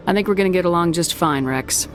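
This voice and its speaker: A man's voice: high voice, quick pace. An actor voicing a hardened male military commander in a video game, curt, commanding and threatening. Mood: ruthless. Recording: game audio with loud score behind.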